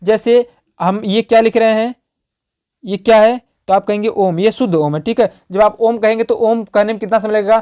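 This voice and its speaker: During an exam prep lesson, a male teacher quizzes repetitively, posing questions and answering them himself while repeating key terms as he writes on the slide. His high-pitched voice is smooth, a little mellow, and steady, at a normal pace.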